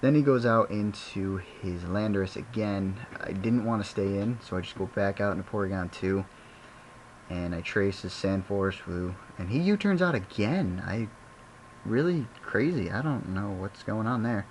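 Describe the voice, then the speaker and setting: Low-voiced young man narrating a game. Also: expressive, moderate pace, a little mellow, a little hiss or hum, rough recording. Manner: rambling, self-correcting, chatty. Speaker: gaming commentator. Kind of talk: casual game commentary.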